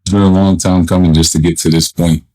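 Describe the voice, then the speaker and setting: Very deep flat man, muffled through a wall. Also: fast talker. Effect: muffled, as if heard through a wall. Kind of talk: interview clip played back in an editing tutorial. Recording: muffled clip with background noise, played back from a distance.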